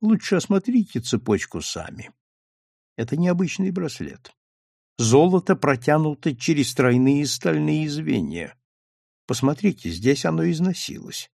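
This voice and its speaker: A man voicing a calm, attentive male doctor who explains his observations in a measured way. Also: fairly high pitch, creaky, dry recording, clean studio sound, voice pushed up, exaggerated voice. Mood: explaining.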